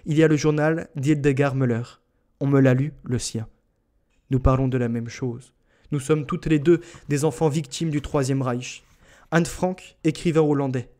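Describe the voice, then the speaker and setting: A man narrates a literary first-person text in a slow, solemn, deliberate manner. His voice is dark and mellow, with a relaxed warmth under the gravity of the words. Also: medium pitch. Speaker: audiobook reader.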